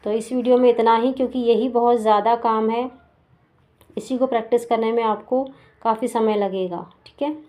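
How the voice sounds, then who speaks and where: Woman, teacher, higher voice, sounds out syllables slowly, asks questions while explaining. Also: steady tone, dull audio. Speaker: shorthand teacher. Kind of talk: step-by-step lesson explanation.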